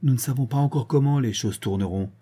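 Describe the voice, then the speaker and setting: A man voicing a firm, sharp-tongued young woman. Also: medium pitch, fast talker, husky, lightly acted.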